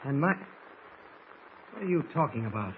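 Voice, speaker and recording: An actor playing an unflinching government agent hero in an old radio serial, speaking with firm, clipped defiance. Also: male voice, mid-range voice, very animated, moderate pace, natural voice. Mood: defiant. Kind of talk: 1940s radio serial acting. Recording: muffled, hissy old radio recording.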